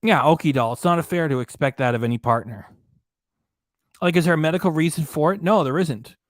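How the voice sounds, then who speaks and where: A man hosting a reaction livestream reads chat and rants indignantly, repeating himself as he loses his voice. His pitch is fairly high and he talks fairly quickly. The sound is dry and clean, studio-like, from a desk microphone hidden behind a graphic.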